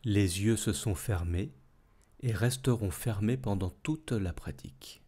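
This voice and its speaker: Speaking in a husky, fairly low voice, a man acts as instructor for a guided yoga nidra relaxation. His phrases are measured, calm and soothing, broken by long pauses.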